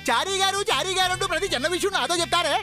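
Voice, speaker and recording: A fawning, excitable servant. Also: male voice, very high voice, rapid-fire. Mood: mock-hurt. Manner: excitable and fawning, sing-song outbursts. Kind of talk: Telugu TV serial comedy acting. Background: loud serial background music.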